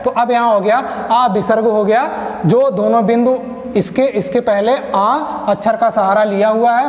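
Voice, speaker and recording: A man teaching Hindi grammar in an online exam-prep class, explaining step by step, asking questions and answering them himself, checking in with the class after each point. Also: sits high. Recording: echoey room with long reverb.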